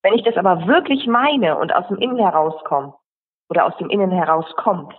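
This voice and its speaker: Woman rhetoric coach, husky, explanatory, phone-thin sound, podcast interview. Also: fairly low pitch, lively intonation, brisk. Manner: explanatory, lists examples in runs. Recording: tinny phone-like line.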